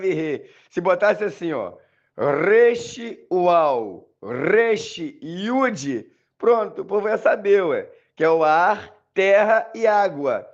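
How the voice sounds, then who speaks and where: A man's voice: high-pitched, muffled recording. A man with a Brazilian Portuguese accent recording a voice message, talking insistently and repetitively to his listeners. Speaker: religious commentator. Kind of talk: voice message monologue.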